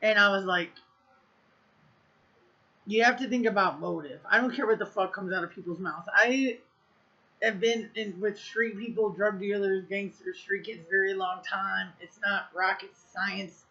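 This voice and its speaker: A woman's voice: mid-range voice, fairly even intonation, a little slow, sharp tone, lo-fi sound. A woman telling a story in a casual vlog, blunt and profane, rambling with lots of fillers. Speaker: vlogger.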